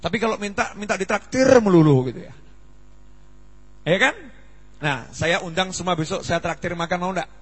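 Guy in his 40s preaching, bright edgy voice, jokey, acts out little scenes, big reverb. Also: normal speed, pauses often, slightly rough. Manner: lively, acts out greetings and dialogue with big pitch jumps. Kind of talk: humorous sermon. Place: Islamic study gathering hall. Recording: long reverb in a hall.

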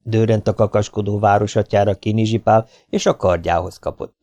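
Low-voiced male audiobook narrator, wry storytelling, dry recording. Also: steady tone, dark tone, dry recording. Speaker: audiobook reader.

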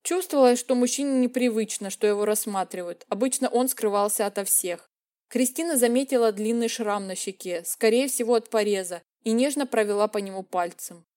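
A woman narrating a romance audiobook in a measured, emotive reading. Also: fairly high pitch, darkish tone.

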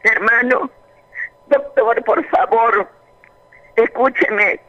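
A woman calling in to a radio show, telling her story in a fervent, halting, repetitive way. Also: a little high. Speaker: radio call-in caller. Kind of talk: emotional personal testimony. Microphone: telephone. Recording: muffled phone line on AM radio.

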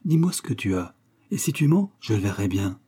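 A man's voice: lowish voice, very animated, a little fast, warm tone, slightly rough. A man reading the part of an anxious younger sister who presses for the truth, in an insistent tone.

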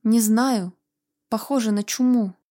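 A woman's voice: on the high side, a little slow, mellow, lightly acted. A woman voicing Fiamma, a trembling tearful young woman. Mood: frightened, pleading. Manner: trembling and pleading, flaring into angry outbursts. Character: frightened, tearful young woman nursing a dying man. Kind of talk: audiobook character reading.

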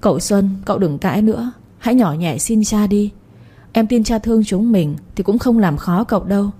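A woman's voice: medium pitch, normal speed, warm tone, breathy edge, close to an everyday voice. Woman voicing a tearful pleading young noblewoman.

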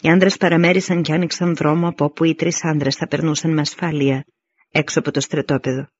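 Husky man narrating an audiobook. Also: fairly high pitch, little pitch movement, no room sound, muffled recording.

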